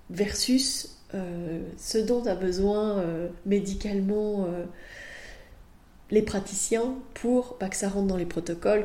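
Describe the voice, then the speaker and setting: A French midwife with a French accent hosts a podcast, speaking in a monologue. Her voice is mellow and medium-pitched, and the recording sounds roomy.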